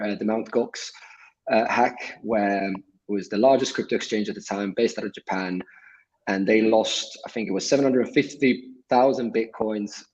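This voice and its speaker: A man from Sweden speaks as a guest over a video call, his voice sitting fairly low. He explains in a measured, steady way, with plenty of small filler words. The audio is dull and lo-fi, like remote call sound. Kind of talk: livestream interview.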